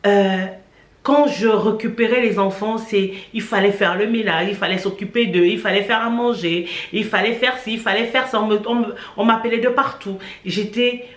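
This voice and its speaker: A woman from Cameroon, medium-pitched and steady at a moderate pace, delivers a heartfelt personal faith testimony directly to the listener. She repeats points to stress them, and the room echoes around her.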